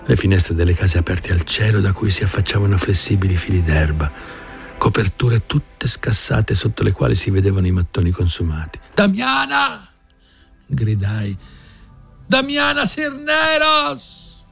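A man narrating an audiobook in a slow, measured, sombre way. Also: sits low, gravelly, darkish tone, slightly rough, faint music behind. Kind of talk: audiobook reading.

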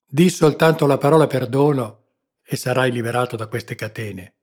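Troubled, bitter sea captain with a husky edge, read by a man, audiobook figure. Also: mid-range voice, normal speed, a little mellow, natural voice. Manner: strained and bitter. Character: troubled, nervous Spanish ship captain.

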